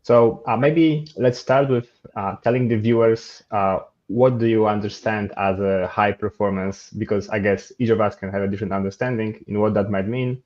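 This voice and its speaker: A man's voice: on the low side, steady tone, normal speed, hardly any pauses, a little mellow. A man co-hosting a podcast, asking questions with hesitant phrasing and repeated words. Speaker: podcast co-host. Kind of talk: casual podcast conversation. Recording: dull lo-fi audio.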